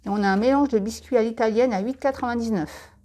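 A woman's voice: a little high, fast talker, warm tone. A French woman chatting through a supermarket catalogue, listing products and prices with friendly tips and asides. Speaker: catalogue presenter.

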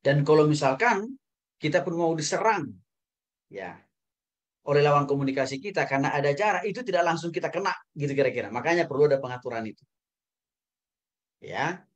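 A pastor lectures a Bible school class in an animated way, his voice swinging between loud, emphatic highs and soft, low asides. He often tags his phrases with a quick "ya" or "saudara."

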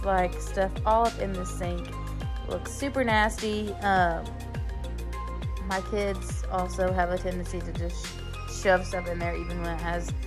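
A woman in her thirties, a mother, chatting casually and encouragingly as she narrates her cleaning routine, with frequent "um"s. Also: medium pitch. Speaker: cleaning vlogger, mom.

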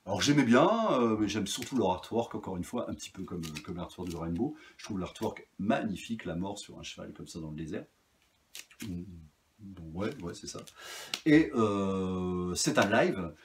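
Brief: male record collector, lowish voice, chatty, meandering, lots of hesitations. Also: animated, moderate pace, slight background noise. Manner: chatty, rambling, many fillers and restarts. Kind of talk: casual vinyl haul review.

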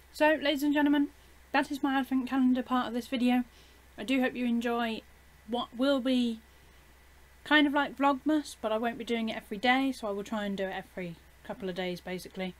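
A woman's voice: fairly high pitch, a little fast. Chatty young British woman vlogging. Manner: chatty, fills with "basically" and "um". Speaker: YouTuber. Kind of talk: casual vlog.

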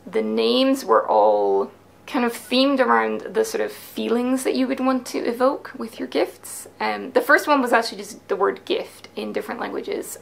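Seated at a craft table in her small home studio, a thirty-something woman talks through her knitting patterns with chatty enthusiasm, explaining each technique step by step in casual video style. She speaks at a medium pitch with some vocal fry.

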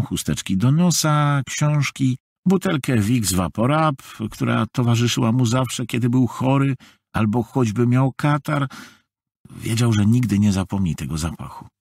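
Male narrator, dramatic horror reading, lowish voice, husky. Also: no echo, clean studio sound. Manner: dramatic, swings between soft low lows and raised tension. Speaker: audiobook narrator.

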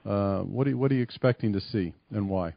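A man's voice: fairly low pitch, fast talker, gravelly, no room sound, muffled recording. A man hosting a radio talk show, asking casual questions with plenty of fillers.

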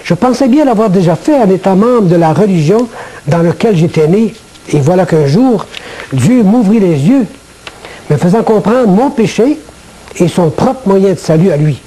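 An older man from Quebec with a Québécois French accent, a former priest giving a measured, earnest personal testimony to camera in a small studio. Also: high-pitched, animated, mellow, slightly rough, poor audio. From Quebec, Canada.

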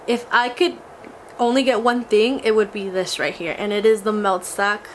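With medium pitch, fairly even intonation, and a moderate pace, a young beauty vlogger in her twenties excitedly shows off a makeup haul in a casual, exclamatory, gushing way. A cold leaves her voice a little scratchy, and she sits before a glitter backdrop in a small indoor room.

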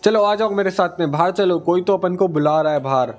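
A man's voice: high-pitched, fairly quick, faint music behind, natural voice. A man voicing a nagging little boy who begs to be let outside, in a game video. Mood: pleading. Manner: pleading, nagging.

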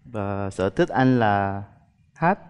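A Korean man in his thirties speaking polite, halting Vietnamese with a Korean accent as he answers questions on a dating show. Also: on the low side, animated, darkish tone, long reverb tail, faint music behind. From South Korea. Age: 30s. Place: TV studio stage. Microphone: headset.

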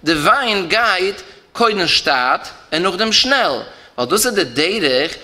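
Male rabbi, Yiddish accent, lecture chant with rising and falling lines, bright voice. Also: high-pitched, expressive, takes it slowly. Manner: rising and falling chant, stresses key terms, repeats phrases. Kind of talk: Talmudic lecture in a singsong study chant.

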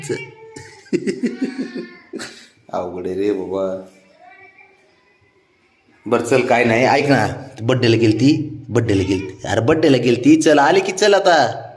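A man's voice: mid-range voice, sing-song, slow, pauses often, roomy sound. A man coaxing and teasing his sulking pet cat in a casual home video.

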